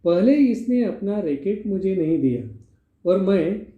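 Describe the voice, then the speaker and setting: A man's voice: high voice, animated, measured pace. A man reading as a timid, defensive boy. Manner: reads lines out from a textbook play. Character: frightened young boy explaining himself. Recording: echoey room, phone-like sound.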